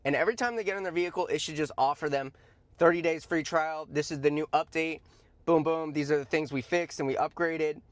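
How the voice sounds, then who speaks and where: Slightly high and a little fast, the man's voice comes through with no echo. He hosts a stock commentary show, offering blunt, emphatic opinions in a casual, conversational way, with slang asides and repetition for emphasis.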